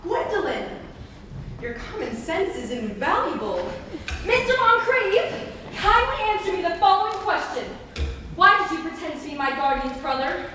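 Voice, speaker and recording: A young woman acting as a prim, earnest Victorian young lady in a deliberate theatrical comedy reading. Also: very high voice, big pitch swings, pushed and bright, heavily acted. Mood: primly stern. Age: young adult. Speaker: student performer in a dramatic reading. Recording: very echoey hall, distant, noisy.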